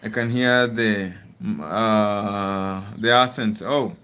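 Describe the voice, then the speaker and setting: A man hosting a relaxed interview, chiming in briefly and encouragingly, sometimes stumbling over his words. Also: fairly low pitch, slow, slight background noise. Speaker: host. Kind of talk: casual interview chat.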